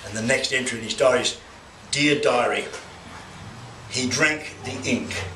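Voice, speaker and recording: Speaking at medium pitch, an older man serves as guest speaker opening an art exhibition before a gallery crowd, his halting speech full of restarts and bawdy asides. The mic sits far away in an echoey room, and the recording is noisy.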